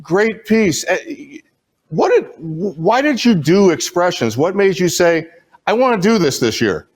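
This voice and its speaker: A man's voice: high-pitched, very animated, unhurried, breathy edge, poor audio. Friendly man hosting an awards show. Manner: friendly, fumbles names and apologizes. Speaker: awards host. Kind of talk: hosting an online award ceremony.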